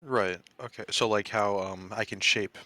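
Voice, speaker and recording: A man's voice: on the low side, moderate pace, no room sound. A man playing a tabletop game, chatting casually and describing his character's actions. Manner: casual, laughing, expressive. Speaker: player.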